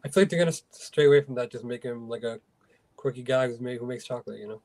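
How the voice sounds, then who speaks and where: A young man co-hosts a casual movie chat. He talks very fast and keeps things offhand and slangy. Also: medium pitch, darkish tone.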